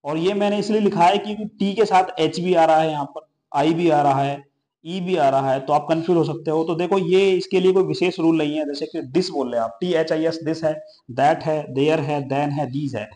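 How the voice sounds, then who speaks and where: A man's voice: a little high, steady tone, moderate pace, darkish tone. Man teaching pronunciation rules. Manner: explains rules, then lists example words one by one. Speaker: English teacher. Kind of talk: pronunciation lesson.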